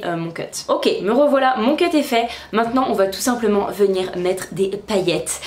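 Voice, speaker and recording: A young woman talks through her makeup routine in a relaxed, chatty way, step by step. Her voice sits at a middle pitch and carries a noticeable echo from the room around her. She often stops for little fillers as she goes. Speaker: beauty vlogger. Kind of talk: casual makeup tutorial narration. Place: room at home.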